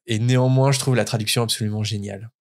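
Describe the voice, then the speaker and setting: A man's voice: lowish voice, steady tone, fast talker, darkish tone. A French man hosting a casual podcast, enthusiastic and hesitant with frequent fillers. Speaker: podcast host. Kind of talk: casual chat about book translation.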